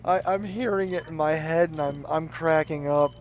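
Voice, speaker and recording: A man's voice: on the high side, moderate pace, dull audio, slight background noise. Rambling, laid-back gaming man. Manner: rambling, laughs often, swears casually. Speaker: gaming channel host. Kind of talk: casual commentary over gameplay.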